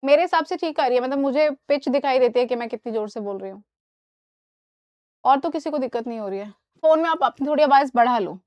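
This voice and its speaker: A woman English teacher giving a live online class, explaining in Hindi and reading English examples slowly, often checking that students follow. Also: high voice, darkish tone, no echo. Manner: asks students questions and checks understanding.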